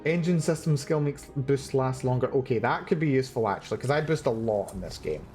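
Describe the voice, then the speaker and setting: A man's voice: mid-range voice, animated, brisk, darkish tone, faint music behind. A man streaming a video game from his seat indoors, chatting casually and musing aloud on tangents as he plays. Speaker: let's play streamer. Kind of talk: live gameplay commentary.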